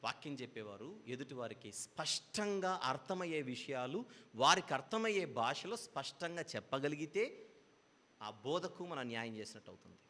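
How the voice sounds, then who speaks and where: A man's voice: medium pitch, very animated, normal speed, pushed and bright, in a large hall. A man preaching a Bible teaching sermon, explaining patiently with repeated parallel phrases.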